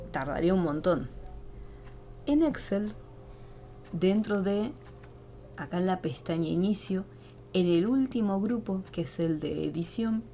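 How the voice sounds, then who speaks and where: A woman's voice: mid-range voice, warm tone, a little hiss or hum. A woman teaching an online class over a video call, explaining each step patiently. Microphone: computer mic on a video call.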